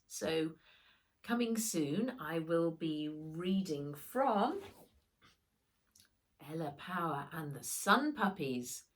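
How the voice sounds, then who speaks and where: Her low-pitched voice carries an expressive, animated reading of a children's storybook she wrote herself, complete with dramatic emphasis.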